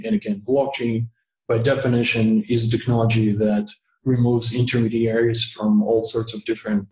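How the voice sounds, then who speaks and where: A man with a slight Russian accent answering conversationally as an interview guest. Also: mid-range voice. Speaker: interview guest, tech startup co-founder. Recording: roomy, echoey sound.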